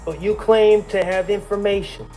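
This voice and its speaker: A male attorney cross-examines a witness in a courtroom. He asks measured, pointed questions and pins down each answer. His voice sits a little high for a man, and faint music runs under it. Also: steady tone, dark tone, poor audio. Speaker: defense attorney.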